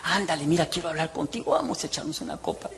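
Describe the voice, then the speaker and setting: A man voicing a loud, tipsy priest friend coaxing him into a drink. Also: on the high side, expressive, fast talker, big-room sound, background noise.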